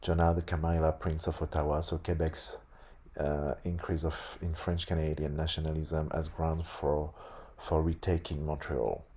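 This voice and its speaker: Man, very low husky voice, slushy lisped s, halting read-aloud, frequent self-corrections. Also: little pitch movement, a little mellow. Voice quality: lisp on s sounds. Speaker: host reading a tabletop game sourcebook aloud. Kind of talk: reading aloud with casual asides.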